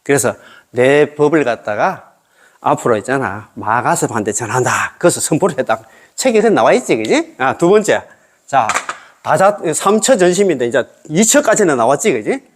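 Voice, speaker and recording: The Buddhist monk's mid-range voice is very animated, moving at a moderate pace through a casual dharma lecture. Chatty and prone to chuckling, he often checks on listeners with tag questions.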